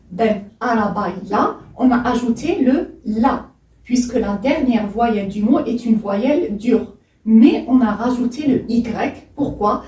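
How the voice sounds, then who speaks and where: A woman giving a language lesson, explaining slowly and carefully and repeating each example. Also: fairly high pitch, mellow. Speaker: language teacher. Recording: echoey room, voice far from the mic.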